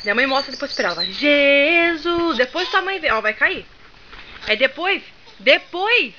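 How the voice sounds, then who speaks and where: A woman's voice: sits high, lively intonation, a little slow. A young mother filming her small daughter at home, playfully coaxing and bossing her through a dance and silly faces. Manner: playful, coaxing, bossy commands. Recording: dull lo-fi home camera, clear background noise.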